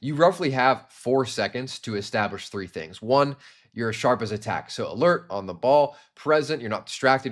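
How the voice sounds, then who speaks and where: Fast-talking young male sales coach. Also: mid-range voice. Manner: energetic, demonstrates tones with gestures. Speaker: sales trainer. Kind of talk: instructional talk to camera.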